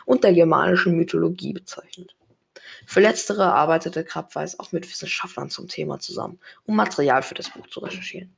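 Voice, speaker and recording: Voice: medium pitch, vocal fry, husky. A reader presenting a book and its author, reading aloud plainly with occasional slips.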